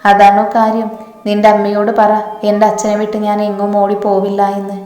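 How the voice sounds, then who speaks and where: A woman's voice: mid-range voice, completely flat delivery, fairly quick, warm tone, echoey room, in a large hall, close to an everyday voice. A woman narrator voicing a proud, defiant young woman who talks curtly.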